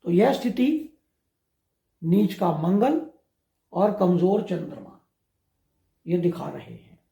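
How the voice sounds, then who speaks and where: Male astrologer, higher-pitched, mellow and slow, measured explainer in an echoey room. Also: lively intonation, vocal fry.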